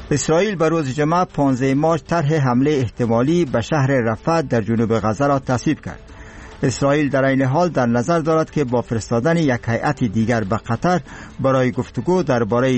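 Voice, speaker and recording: A man with an Afghan accent reading scripted radio news in a solemn, formal, measured manner. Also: medium pitch, a little mellow. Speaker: radio newsreader.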